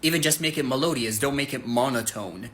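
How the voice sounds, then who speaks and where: A man gives a casual religious lesson in an earnest, direct way, talking to his listeners like friends. His voice is bright and forceful. Faint background noise sits under the speech. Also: mid-range voice, brisk. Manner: breaks into melodic Quran recitation to demonstrate. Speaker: Islamic teacher. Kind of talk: casual religious teaching to camera.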